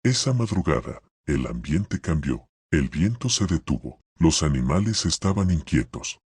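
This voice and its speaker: A man narrating a scary story in a slow, measured way. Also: extremely low pitch, big pitch swings, darkish tone, breathy edge, no echo, studio quality. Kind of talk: scripted horror narration.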